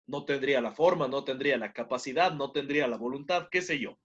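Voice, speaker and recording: A man with a medium-pitched, slightly rough voice speaks fairly quickly while teaching an online class. He walks through a point step by step, frequently asking his students questions to check in. The audio has a dull, lo-fi online-class quality.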